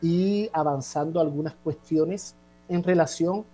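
A man, a priest hosting a religious program, answering listener questions in a measured, teaching way with frequent "eh" and tag questions. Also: fairly high pitch, dark tone.

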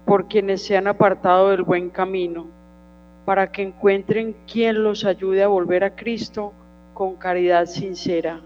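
A woman reads prayer petitions at Mass in a formal, measured way. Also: mid-range voice, steady tone, soft background music. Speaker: reader of intercessions at Mass. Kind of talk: liturgical reading of prayer petitions. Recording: dull lo-fi sound with mains hum.

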